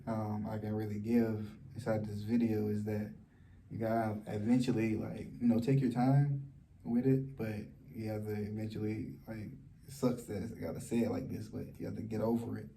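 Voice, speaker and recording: A man talking in a personal vlog, speaking softly and low in a halting way, with many fillers and restarts. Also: a little hiss or hum. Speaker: vlogger. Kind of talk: personal vlog, sharing a story of loss.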